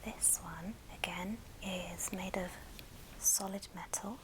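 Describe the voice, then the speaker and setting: A woman hosting an ASMR video gently presents items for a show and tell, whispering breathily and unvoiced with pauses between short phrases. Her lowish voice keeps a fairly even intonation. Background noise can be heard.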